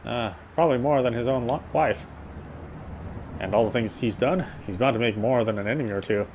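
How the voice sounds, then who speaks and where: Reading a horror visual novel aloud as a playthrough host, this man has a mid-range, slightly mellow voice and a brisk pace. The narration is dramatic and brooding, with occasional stumbles, and background noise is clearly audible.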